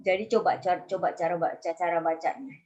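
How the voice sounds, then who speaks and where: A woman's voice: on the low side, steady tone, fairly quick, a little mellow, lo-fi sound. A woman lecturer teaching a university statistics class, often stopping to ask students questions and telling them to write things down. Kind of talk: university lecture on time series.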